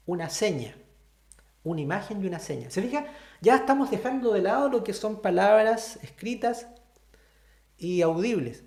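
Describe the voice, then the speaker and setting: Sign language teacher on a video call, patient and explanatory, mid-pitched voice with a roomy echo. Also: a little mellow. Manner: patient, explanatory, often checks in with "¿cierto?". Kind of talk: online class explanation.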